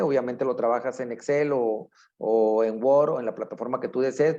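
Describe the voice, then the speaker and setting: A man with a Mexican accent, a public accountant walking through a screen-share software tutorial step by step and often checking in with a quick tag question. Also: medium pitch, highs cut off.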